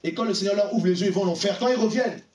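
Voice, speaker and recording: Male preacher, high and lively delivery, exhorting; echoey room, mic at a distance. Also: rapid-fire, a crowd in the background. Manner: animated, exhorting, acts out dialogues. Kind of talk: sermon.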